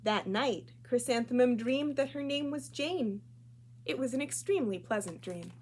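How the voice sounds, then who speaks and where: A woman's voice: on the high side, lively intonation, moderate pace, a little mellow, husky. A woman reading a children's storybook aloud expressively as a library storyteller.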